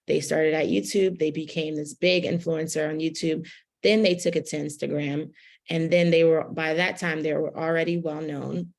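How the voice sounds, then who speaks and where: A woman with a low voice leads a relaxed workshop lecture over a video call. She talks in a loose, conversational way, full of fillers, and checks in with her class by asking "right?". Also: normal speed, creaky. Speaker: fashion business instructor.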